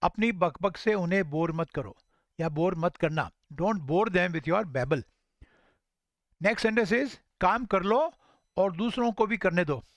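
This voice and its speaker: A male English teacher with a fairly high voice, working through sample sentences one by one. He says each English phrase slowly and clearly so learners can copy it. The sound is dry and close, with no room echo. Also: lively intonation. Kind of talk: spoken language lesson.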